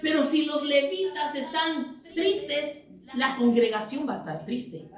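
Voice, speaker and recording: A woman's voice: lively intonation, measured pace. Woman preaching in an echoey church. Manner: impassioned preaching that climbs higher and louder, with repeated rhetorical questions. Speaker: pastor. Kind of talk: sermon. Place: church sanctuary. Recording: very echoey church hall, voice from far off.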